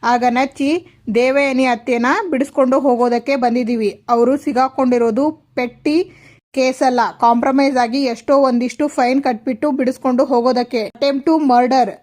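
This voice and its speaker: A woman's voice: high voice, steady tone, normal speed, a little mellow. A woman narrating a recap of a TV serial episode in a plain storytelling manner.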